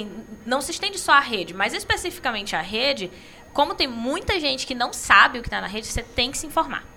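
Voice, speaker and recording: A woman's voice: sits high, bright, forceful tone, slight background noise. A woman co-hosting a live-stream discussion, explaining her points emphatically and repeating them for weight. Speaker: co-host.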